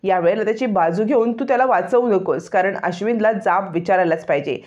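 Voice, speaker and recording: A woman's voice: medium pitch, a little fast, darkish tone, natural voice. A woman reading the lines of a firm, worried middle-aged mother demanding answers. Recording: dull lo-fi recording.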